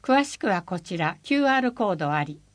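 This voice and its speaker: A woman reading a city bulletin aloud, slowly and carefully spelling out job listings, contacts and phone numbers. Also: medium pitch, no room sound. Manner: slow, careful, even delivery of listings and numbers. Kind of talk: scripted reading of public notices.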